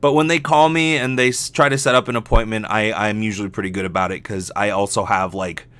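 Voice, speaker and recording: A man hosts a solo podcast in a casual, rambling, animated way, talking fast in a lowish voice. He swears freely and keeps cutting himself off mid-thought.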